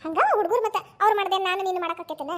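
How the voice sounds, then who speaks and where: A fussy cartoon grandmother, voiced by a woman, with a North Karnataka Kannada accent. She talks very high and at a racing clip, scolding and coaxing in turn. Her patter stays busy and quick. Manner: chiding yet coaxing, fast. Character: fussy doting grandmother, mother-in-law. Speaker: cartoon voice actor. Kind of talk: cartoon voice acting.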